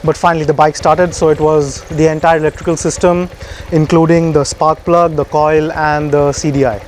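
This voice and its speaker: A man with a slightly high voice, explaining motorbike repairs step by step in a relaxed, plain-spoken manner. He is outdoors, with faint background noise behind him. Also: normal speed. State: a bit out of breath. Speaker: motorcycle vlogger. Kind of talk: casual how-to narration. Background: idling motorbike engine.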